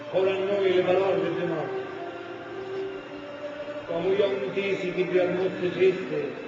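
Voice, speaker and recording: A man playing a compassionate poet journeying through hell, reciting earnest, drawn-out dramatic verse with a Sicilian accent. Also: sits high, background noise. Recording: echoing, muffled, distant, music behind.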